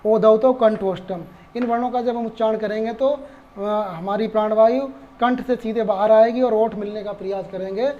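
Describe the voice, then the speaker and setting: एक पुरुष शिक्षक जो धैर्य से पाठ समझाता है, बातें दोहराता है और खुद से सवाल पूछता है।. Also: male voice, sits high, steady tone, moderate pace, lo-fi sound. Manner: patient, repeats points and asks rhetorical questions. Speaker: Sanskrit teacher. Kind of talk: explaining lesson.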